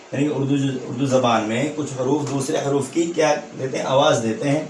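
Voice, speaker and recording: A man's voice: a little high, slight background noise. A man teaching an online Urdu lesson for exam prep, who repeats each point as a question, answers it, and checks that students follow. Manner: checks understanding with a tag question. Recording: echoey room, voice from a distance.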